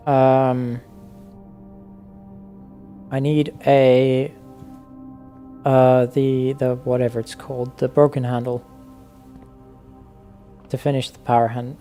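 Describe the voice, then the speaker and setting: Slow, hesitant man narrating a game. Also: medium pitch, mellow. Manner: thinking aloud, hesitant, many fillers and restarts. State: hiccuping. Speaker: gaming YouTuber. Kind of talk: casual let's-play commentary.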